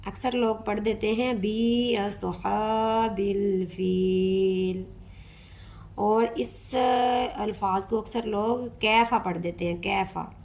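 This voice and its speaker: Slow patient woman teaching recitation. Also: mid-range voice, fairly even intonation, darkish tone. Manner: slow, patient explaining with drawn-out demonstrations. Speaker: Quran tajweed teacher. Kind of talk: step-by-step recitation lesson.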